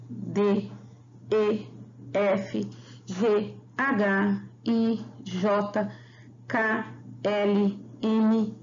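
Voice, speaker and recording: A woman's voice: mid-range voice, a little mellow, muffled recording, slight background noise. A woman teacher with a Brazilian Portuguese accent, leading a recorded lesson for young children and drilling letters and syllables one by one. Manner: slow, drawn-out syllable drills.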